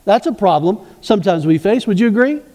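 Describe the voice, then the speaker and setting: High-voiced man preaching a sermon. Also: animated, brisk, dark tone, in a large hall. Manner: preaching with rhetorical questions to the congregation. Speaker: pastor.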